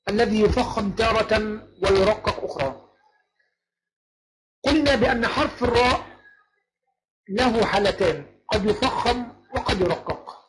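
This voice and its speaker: A man's voice: sits high, a bit bright. Egyptian man teaching Quran recitation rules. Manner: keeps asking the class if things are clear, chants verse lines slowly. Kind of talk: online tajweed lecture. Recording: noisy online lecture recording.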